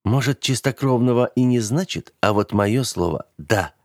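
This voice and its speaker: A man reading an audiobook, voicing an earnest, calm young rich man who coaxes gently and sincerely. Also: medium pitch, moderate pace, dry recording, studio quality, pitched above the performer's own voice, close to an everyday voice.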